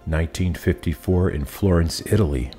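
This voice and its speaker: A middle-aged man with a very low, mellow voice reads a script in an even, measured way. He speaks in a small indoor studio, framed chest up at his desk. Faint music plays beneath him. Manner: steady, measured delivery. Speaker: YouTube host. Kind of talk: scripted narration. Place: indoor studio room with monitors.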